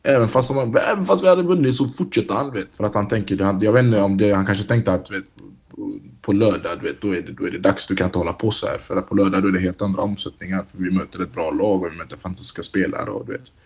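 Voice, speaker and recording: Husky, deep-voiced young man telling stories. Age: young adult. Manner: relaxed, animated when retelling, heavy "du vet" fillers and street slang. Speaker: youth football player, guest. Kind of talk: casual interview storytelling.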